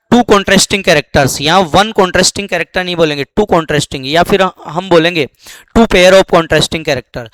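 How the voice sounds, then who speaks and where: A man teaching biology for an exam, walking through each step and answering his own questions as he goes. His voice sits fairly high and comes through smooth and clear, recorded close and dry. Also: no echo. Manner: mixes English terms with Hindi equivalents. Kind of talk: exam-focused biology lesson.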